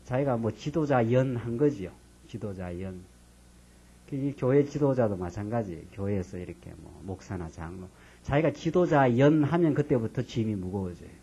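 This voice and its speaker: A middle-aged male pastor teaching a Bible study in a church, reading scripture slowly and dramatically and then explaining it in casual talk. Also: medium pitch, warm tone, slightly rough. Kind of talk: Bible lecture sermon. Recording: dull lo-fi church lecture recording.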